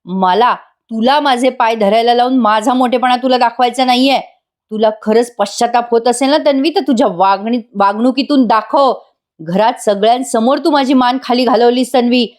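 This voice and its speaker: A woman's voice: on the high side, normal speed, a little mellow, pitched above the performer's own voice, natural voice. A woman voicing an angry young husband who scolds and warns his wife, read as part of a voice-over review. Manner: scolding, warning. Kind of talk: voice-over review re-enacting serial dialogue.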